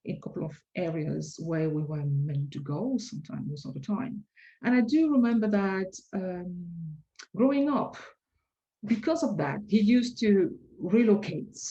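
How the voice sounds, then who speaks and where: A woman from Cameroon, giving measured, reflective answers as an interview guest, often pausing with hesitations. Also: lowish voice, warm tone, lo-fi sound. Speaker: compliance consultant, interview guest.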